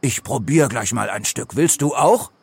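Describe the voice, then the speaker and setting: A man voicing a boastful, clumsy young lion king in a storybook reading, excitable and whiny. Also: medium pitch, moderate pace, gravelly, slightly rough, heavily acted. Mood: excited.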